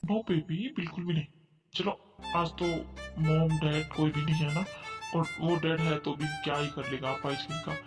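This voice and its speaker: A young performer voicing a possessive, jealous young man who gives rough orders in a low put-on voice. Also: level tone, moderate pace, close to an everyday voice. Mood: menacing. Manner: gruff and commanding. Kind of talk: Hindi fan dub drama. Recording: music playing underneath.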